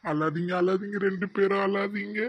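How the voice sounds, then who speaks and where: Actor as a devoted young son, consoling, fairly high voice, slightly dull dry recording. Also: male voice, fairly even intonation, moderate pace, a little hiss or hum. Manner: pleading, consoling. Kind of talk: cartoon voice acting.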